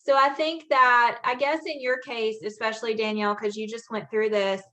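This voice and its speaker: Bright chatty woman author on a call. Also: on the high side, steady tone, moderate pace. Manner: earnest, chatty, full of fillers. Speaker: author hosting a book talk. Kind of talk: casual panel chat. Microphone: video call.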